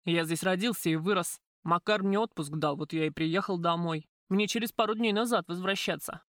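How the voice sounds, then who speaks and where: A woman voicing a coarse male gangster thug who talks gruffly and bluntly in an audiobook. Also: fairly low pitch, moderate pace, no room sound, studio quality, close to an everyday voice. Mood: sullen.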